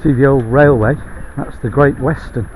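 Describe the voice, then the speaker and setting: A middle-aged man, giving a casual, halting tour commentary while riding a bicycle outdoors. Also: medium pitch, fairly even intonation, rough recording. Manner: halting, piecemeal delivery while cycling. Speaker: cyclist filming a guided ride. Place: outdoors on a moving bicycle, city streets and park. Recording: outdoor wind noise on microphone. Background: loud wind and traffic noise.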